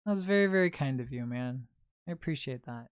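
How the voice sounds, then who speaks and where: A man's voice: mid-range voice, animated, fairly quick, clear, resonant tone, no echo, studio quality. A man in his twenties hosting a casual livestream, chatting and answering viewer comments as they come in. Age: 20s. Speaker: livestream host and reseller.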